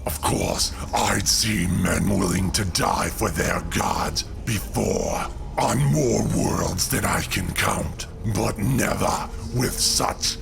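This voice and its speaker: A man playing a grave, embittered alien god killer in a comic-book audio drama, delivering slow, theatrical, menacing speeches. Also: very noisy, full character voice. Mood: bitter, menacing. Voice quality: deep gravelly voice. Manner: slow, brooding, theatrical villain monologue. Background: music under the voice.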